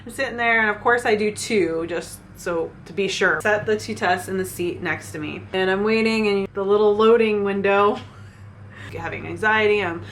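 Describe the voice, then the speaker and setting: A woman's voice: medium pitch, fairly bright tone, a little hiss or hum. A woman, candidly telling a personal story in a chatty vlog, laughing now and then. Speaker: fitness vlogger.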